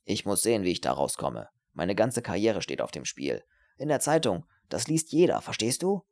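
Man voicing a gravelly selfish young student. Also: lowish voice, very animated, moderate pace, darkish tone, pitched below the performer's own voice, exaggerated voice. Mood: anxious. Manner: nervous, pleading, then spiteful. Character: selfish young male student, cowardly then vicious. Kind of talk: audiobook character reading.

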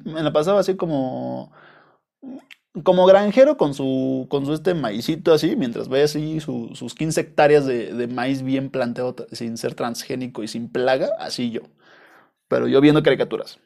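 A man's voice: a little high, creaky, darkish tone. A young adult man with a Mexican accent, hosting a podcast and telling stories in a rambling, slangy, profane way. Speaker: podcast host. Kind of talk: casual monologue storytelling.

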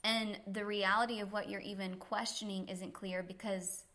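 A woman yoga instructor appears as a podcast guest, laughing easily as she shares earnest, reflective stories about faith and teaching. Her voice is medium in pitch with little movement, bright and forceful, at a moderate pace. The talk is conversational storytelling centered on faith.

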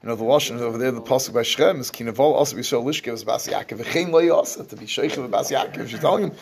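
A man's voice: medium pitch, fast talker, gravelly, darkish tone. A man teaching a scripture class, explaining verses at length and often restarting his phrases. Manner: explains in English with Hebrew terms, restarts often. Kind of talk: lecturing on scripture.

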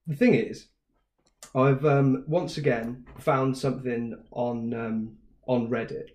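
A man's voice: medium pitch, steady tone, slow, a little mellow, echoey room. A man co-hosting a casual podcast chat, explaining things in a rambling way and laughing easily. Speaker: podcast co-host.

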